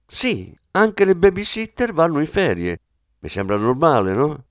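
A man voicing a brisk teasing woman. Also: on the high side, wildly swooping pitch, dry recording, clean studio sound, pitched above the performer's own voice, exaggerated voice. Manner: brisk, teasing, matter-of-fact. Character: middle-aged woman, brisk and teasing partner. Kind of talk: audiobook character voice.

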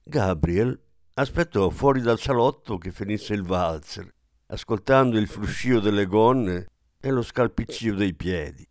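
A man narrating a literary story in a measured, even manner. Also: lowish voice, dry recording, clean studio sound.

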